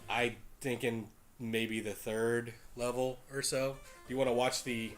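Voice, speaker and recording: A man's voice: mid-range voice, flat delivery, a little slow, soft background music. A man hosting a casual video game show, talking in a laid-back, teasing way with casual swearing. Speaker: host playing a video game. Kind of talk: casual gaming chat.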